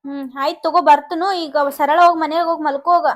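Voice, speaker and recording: A woman with a North Karnataka Kannada accent playing a young woman, brisk and scolding. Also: high-pitched, steady tone, lightly acted. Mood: scolding, worried. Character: young woman brushing off her lovers. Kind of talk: short film acting.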